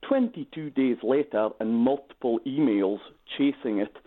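A man's voice: medium pitch, normal speed. A man with a Doric accent from north-east Scotland, calling a radio phone-in to recount his own experience. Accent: Doric, north-east Scottish. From Aberdeenshire, Scotland. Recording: tinny phone line.

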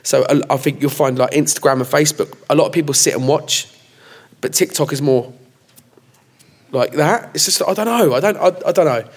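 A man with a fairly high voice chats as a guest in a live interview. He talks in an eager, rambling way, with frequent restarts and self-interruptions. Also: brisk. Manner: excitable, rambling, many restarts. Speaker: comedy creator, interview guest. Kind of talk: casual live interview chat.

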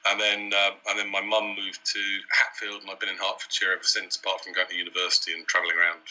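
Heard through a dull-sounding internet call, this guest is a CEO from Wales chatting easygoingly and thoughtfully in an interview, with frequent laughter. He talks fast in a low, monotone voice that comes across as pushed and bright.

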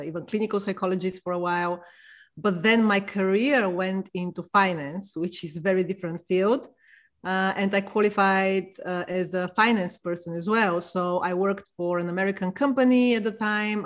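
A woman in her forties from Bulgaria, speaking English as a podcast guest and telling her story reflectively with frequent pauses. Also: medium pitch. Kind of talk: podcast interview.

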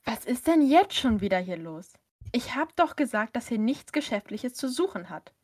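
A woman's voice: on the high side, very animated, normal speed, a little mellow. A woman reading the part of a firm, scolding mother. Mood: stern. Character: stern, protective mother, middle-aged.

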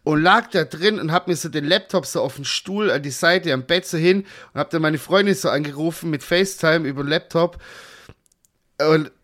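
A podcast co-host with a slightly high voice tells stories at a moderate pace in a casual chat. His delivery is animated and ranting, packed with slang and swearing.

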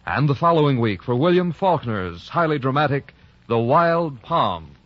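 An American man working as an old-time radio announcer, speaking in a formal, measured announcer delivery on a vintage broadcast. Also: mid-range voice, very animated, muffled recording.

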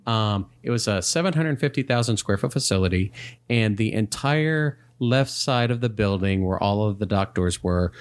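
A man, a podcast guest, casually telling work anecdotes in a halting, think-aloud way. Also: fairly low pitch, animated, clean tone.

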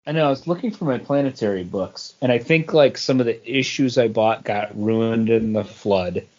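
A man co-hosts a podcast in relaxed, informal conversation. His mid-range voice is a little mellow and moves at normal speed, and the audio sounds slightly dull and lo-fi.

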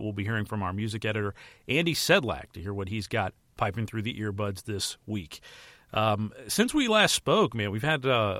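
A man's voice: lowish voice, a bit bright, no room sound, clean studio sound. A man who is feeling slightly sick, getting over a virus, hosting a podcast solo in an informal, rambling, mildly profane way. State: recovering from a virus, slightly under the weather. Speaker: podcast host and movie and TV editor. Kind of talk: casual solo podcast talk.

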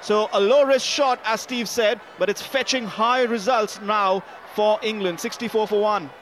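A male cricket commentator with a high-pitched voice calls the play ball by ball. He is recorded live at the ground, with faint outdoor noise behind him. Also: steady tone, moderate pace, fairly bright tone.

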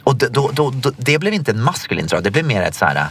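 A man co-hosting a casual podcast, telling stories and teasing his friend with a playful, animated manner. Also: mid-range voice, husky. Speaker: podcast co-host.

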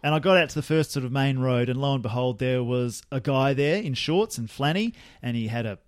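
An Australian man in his younger years, rambling through a travel story with restarts and chuckles. His voice sits at an everyday middle pitch, recorded close and dry with no room around it. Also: brisk, no room sound. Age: young adult. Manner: rambling anecdotes with self-corrections and laughs. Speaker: podcast co-host. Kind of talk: casual chat, storytelling.

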